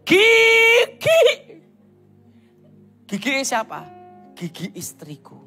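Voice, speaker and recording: A man with a Javanese accent preaching a sermon as an evangelist, telling stories and asking the congregation to agree. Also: high-pitched. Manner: animated storytelling, asks the crowd "betul?".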